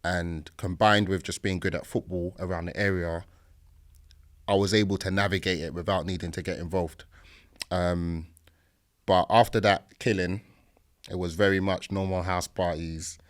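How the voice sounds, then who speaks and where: A man's voice: deep voice, fairly even intonation, moderate pace. A man with a south London accent telling his own story casually as a podcast guest, in a conversational, matter-of-fact way. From south London, England.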